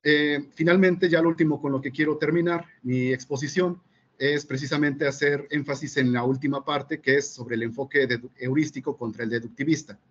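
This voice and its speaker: Husky man explaining physics. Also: on the high side, steady tone, lo-fi sound. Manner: measured, many fillers and checking questions. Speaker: physics teacher presenting at a seminar. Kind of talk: explanatory academic presentation.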